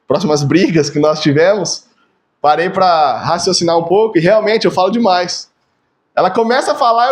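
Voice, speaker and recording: A man from Brazil preaching a casual, conversational sermon, often tagging his phrases with a questioning "né?" and repeating words for emphasis. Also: sits high.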